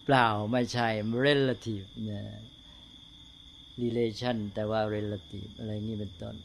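An older male Buddhist monk giving a slow, unhurried talk to fellow monks, often checking in with tag questions. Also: lowish voice, little pitch movement, vocal fry, a little hiss or hum.

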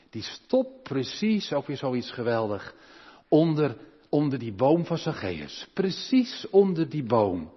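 A male pastor preaching a sermon, swinging between loud emphatic calls and hushed asides, often asking his listeners questions. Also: medium pitch, husky. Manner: asks the congregation direct questions. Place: church. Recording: long church reverb, dull lo-fi sound.

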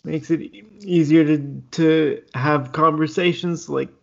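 Slow, gravelly man hosting a podcast. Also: on the high side, fairly even intonation, dull audio. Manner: hesitant, with many restarts and fillers. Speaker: podcast host. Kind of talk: casual interview over video call. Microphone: video call.

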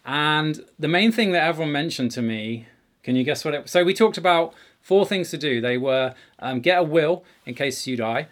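A man's voice: a little high, expressive, moderate pace. A middle-aged man hosting a conversational podcast from a home garage, speaking in an earnest, emphatic way. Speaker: podcast host.

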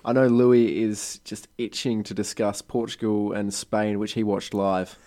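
Podcast host setting up topics. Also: male voice, fairly low pitch, level tone, a little slow, warm tone. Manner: steers the talk, sets up topics. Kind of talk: casual football chat.

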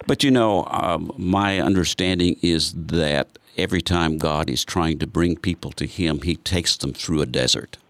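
A man's voice: sits low, normal speed, few pauses, fairly bright tone. A man interviewing guests in a chatty way, often restarting his sentences. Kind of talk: conversational interview.

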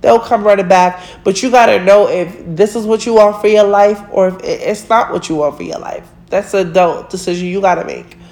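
A woman's voice: mid-range voice, fairly quick, hardly any pauses, a little mellow. A woman, giving blunt relationship advice in a casual monologue, swearing freely and laughing at herself.

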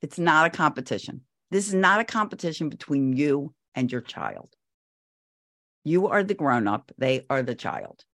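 This is an older woman with a fairly low voice, giving parenting advice in an interview. She is firm and instructive and circles back to repeat her key points. The sound is dry, with no room echo. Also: very animated, normal speed, a bit bright. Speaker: parenting expert guest.

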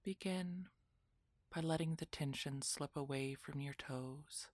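A woman narrating a guided relaxation meditation in a soft, soothing, breathy voice that often drops into a whisper, like a spa session. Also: low voice, a little slow, no room sound.

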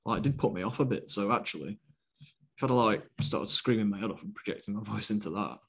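A man co-hosts a podcast in relaxed conversation. His voice sits somewhat low and stays fairly even rather than lively. He hesitates often, filling gaps with ums as he finds his words. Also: fairly quick, creaky, breathy edge. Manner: steady, not very animated, hesitant with fillers. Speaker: podcast co-host. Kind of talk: casual podcast chat.

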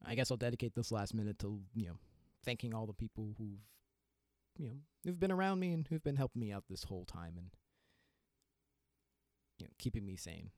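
A young man hosting his own podcast, ranting with big laughing outbursts and quiet sincere asides into a close mic. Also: lowish voice, lively intonation, a little fast, dry recording. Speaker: podcast host. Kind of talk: solo podcast rant.

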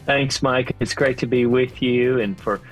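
A man's voice: medium pitch, steady tone, a little slow, soft background music, rough recording. A man with a Southern US accent, a pastor telling stories as a podcast guest, with frequent fillers. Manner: warm storytelling with frequent fillers. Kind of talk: conversational interview.

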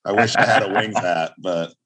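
A man's voice: fairly low pitch, steady tone, normal speed, fairly bright tone. A man hosting a podcast in a casual, chatty style. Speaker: podcast host. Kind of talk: casual chat.

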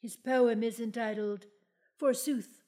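A woman's voice: on the high side, steady tone, takes it slowly, warm tone. A woman doing a pompous lady poet laureate. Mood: reciting grandly. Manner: lofty, declamatory recital. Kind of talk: comic audio play.

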